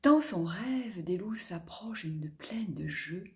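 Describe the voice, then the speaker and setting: A woman narrating a storybook tale in an expressive, partly whispered way. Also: lowish voice, takes it slowly.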